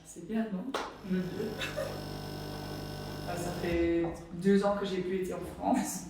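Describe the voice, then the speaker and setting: Young woman, Flemish accent, relaxed chatty home tour, roomy echo, away from the mic, faint background ambience. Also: lowish voice, slow, heavy background noise. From Belgium. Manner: relaxed, chatty, with many fillers. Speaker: volleyball player. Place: rooms of her home. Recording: echoey room from a distance.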